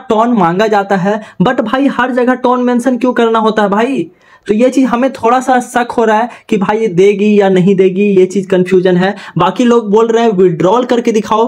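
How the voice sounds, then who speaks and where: Chatty guy, higher pitch, casual walkthrough host. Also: a little mellow. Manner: chatty, informal, repeats "bhai" and "dost". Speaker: crypto YouTuber. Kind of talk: casual screen-recording walkthrough.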